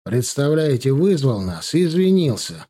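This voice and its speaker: A man's voice: medium pitch, sing-song, a little slow, mellow, breathy edge, pitched above the performer's own voice. A man voicing a proud middle-aged stepfather in an audiobook, earnest and troubled. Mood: bitter.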